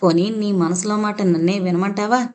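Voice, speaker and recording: A woman reading as a gentle young man from an audio novel, soft and coaxing as he speaks. She keeps her own middle pitch and does not lower it for him. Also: steady tone, normal speed, lightly acted.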